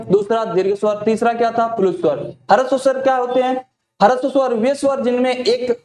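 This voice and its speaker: A man's voice: very high voice, darkish tone. A male teacher running an exam-prep lesson, who asks each question aloud and then answers it himself. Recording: echoey room.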